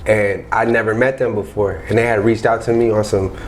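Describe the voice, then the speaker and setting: A man's voice: lowish voice, level tone, a little fast, a little hiss or hum. A man, a rapper guest, talking in a loose, rambling casual chat, often asking "you know what I mean".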